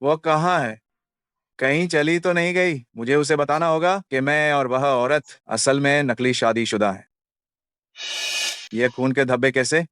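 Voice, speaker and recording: A man's voice: medium pitch, a little slow, a bit bright, clear, resonant tone, no echo, studio quality, lightly acted. A man voicing a cold, commanding young CEO who speaks in a curt, stern manner in a dubbed drama. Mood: urgent.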